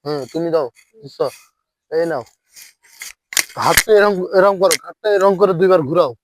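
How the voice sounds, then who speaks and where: A man's voice: fairly high pitch, moderate pace, noisy background. A man playing a strict dance teacher in a comedy skit, bossy and scolding, who chants the dance counts. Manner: scolding, bossy, threatens punishment.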